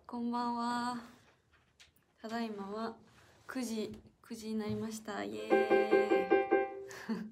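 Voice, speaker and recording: A young woman hosting a casual solo livestream. She is chatty and playful, reads out viewer comments, laughs often and sometimes drops to a soft whisper. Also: a little high, flat delivery, a little slow, long pauses, music in the background. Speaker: idol livestream host. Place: indoor room with a piano.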